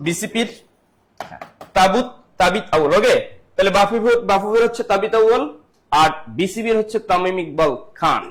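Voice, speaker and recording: A man with a Bangladeshi accent teaches an online exam-prep class. His voice sits high. He fires questions at listeners and repeats each answer. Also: moderate pace. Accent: Bangladeshi Bengali.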